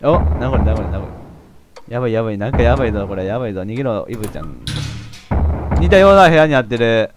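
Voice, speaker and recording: A man doing lively, jokey Let's Play commentary and reading the game's text aloud. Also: mid-range voice, quick pace. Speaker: game streamer. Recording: game music behind. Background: game music.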